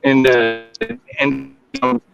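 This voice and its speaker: A man's voice: medium pitch, sing-song, slow pace, vocal fry, over loud music. A man calling in from his car in freeway traffic, chatting casually over a phone line that breaks up and turns robotic. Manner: loose, rambling, swears freely. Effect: phone line breaking up, choppy and robotic. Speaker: podcast co-host calling in. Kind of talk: casual chat. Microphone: phone call. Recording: muffled lo-fi phone line with faint noise.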